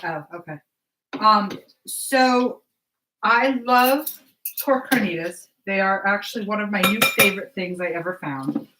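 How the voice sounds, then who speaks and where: A middle-aged woman talks through a recipe in a relaxed, chatty way while she cooks, turning to greet her viewers now and then. She is in her home kitchen, and dishes and pans clatter clearly behind her voice. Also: medium pitch, unhurried, heavy background noise. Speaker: cooking vlogger. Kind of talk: casual live cooking chat.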